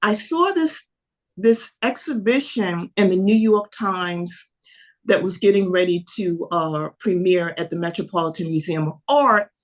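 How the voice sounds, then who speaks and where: A woman in her seventies, a guest telling a lively story in an interview and acting out the dialogue. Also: fairly low pitch, unhurried. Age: 70s. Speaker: podcast guest.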